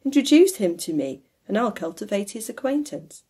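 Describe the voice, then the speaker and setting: A woman with a husky voice playing a hearty, good-natured young gentleman who laughs and speaks with merry emphasis in a storybook reading. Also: medium pitch, big pitch swings, normal speed. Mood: jovial.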